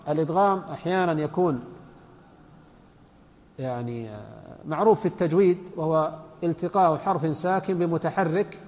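A man, a sheikh, giving a religious lecture on Islamic law, patiently explaining points and reciting examples. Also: high-pitched. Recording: long hall reverb.

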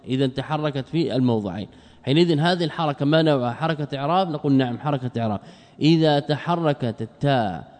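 A male scholar giving a classical grammar lecture, asking rhetorical questions and answering them himself, and repeating key words slowly for emphasis. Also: medium pitch, darkish tone. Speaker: Islamic scholar teaching grammar. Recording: long hall reverb.

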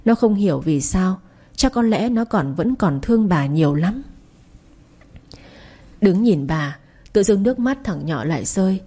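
A woman narrating a dramatic story in a steady, scripted reading. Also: medium pitch, measured pace, pauses often, breathy edge.

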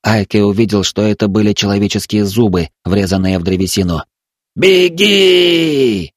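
Male narrator with a low voice, dry close recording, measured dramatic reading. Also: little pitch movement, darkish tone, dry recording. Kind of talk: storytelling narration.

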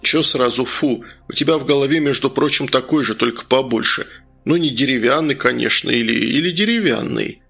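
A man's voice: medium pitch, brisk, creaky, sharp tone, husky, faint music behind, exaggerated voice. A man voicing a playful young man who teases and drawls about his hobby. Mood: teasing. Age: young adult.

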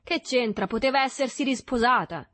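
A woman voicing a rough, threatening poor teenage boy who mocks and challenges a rich boy, in a storybook reading. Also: mid-range voice, animated, normal speed, pitched above the performer's own voice. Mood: curious. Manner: loud, mocking, threatening.

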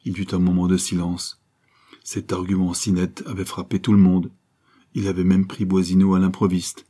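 A man reading a novel aloud in steady, scripted narration. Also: deep voice, normal speed. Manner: steady storytelling. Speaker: audiobook reader.

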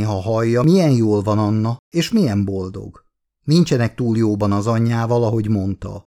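A man's voice: mid-range voice, dark tone. Man voicing a fretful affectionate middle-aged wife. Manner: chatty, anxious, coaxing.

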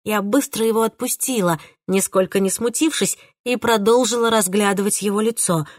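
A woman giving an emotional, expressive first-person audiobook reading. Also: medium pitch, moderate pace, dry recording, clean studio sound. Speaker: audiobook narrator.

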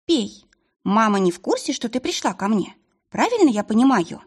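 A woman voicing a calm young witch who speaks in an even, gently firm manner. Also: a little high, moderate pace, husky, voice pushed up, exaggerated voice. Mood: calm soothing. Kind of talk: audiobook character voice.

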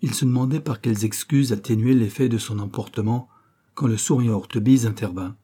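A male audiobook narrator with a dark, mellow tone and a slightly husky grain. He reads the prose at a measured, even pace, keeping the storytelling steady and unhurried. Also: medium pitch. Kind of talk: scripted literary narration.

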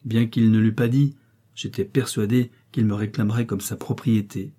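A male audiobook reader narrating a classic novel in a measured, even way. His voice is very dark and mellow, with a husky texture. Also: fairly low pitch. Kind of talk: scripted literary narration.

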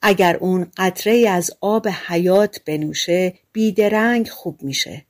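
A woman's voice: lowish voice, close to an everyday voice. A woman voicing a wise old man in a fairy-tale audiobook, speaking in a grave, advising way.

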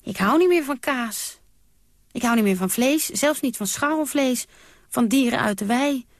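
In a dry, lightly acted recording, an actress with a slightly high voice plays a brash, defiant woman. It's a theatrical radio monologue about her wild nights, delivered bluntly and dryly with sudden outbursts.

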